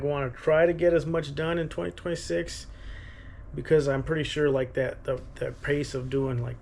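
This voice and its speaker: A man in his thirties talking casually to his vlog audience, rambling and thinking aloud in a halting way. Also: on the high side, vocal fry, darkish tone, a little hiss or hum. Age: 30s. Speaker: running vlogger.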